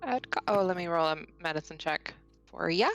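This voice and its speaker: A woman's voice: on the low side, expressive, brisk, creaky, faint music behind. A woman chatting and bantering casually as a player in a tabletop game.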